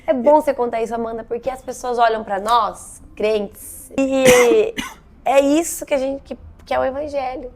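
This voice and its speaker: A woman's voice: fairly high pitch, moderate pace, a little mellow. A Brazilian woman hosting a podcast, affirming her guest and adding comments of her own. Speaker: podcast host.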